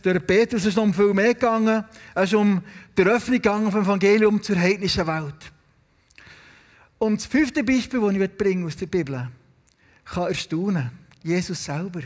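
A man's voice: high-pitched, moderate pace. A man preaching a sermon with a Swiss German accent, retelling Bible stories and putting questions to the congregation. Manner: storytelling, asks the congregation questions. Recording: long hall reverb.

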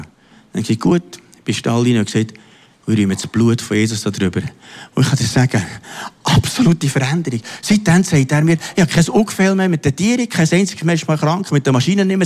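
A man preaching a sermon, emphatic, dropping low for asides and rising to loud exclamations.

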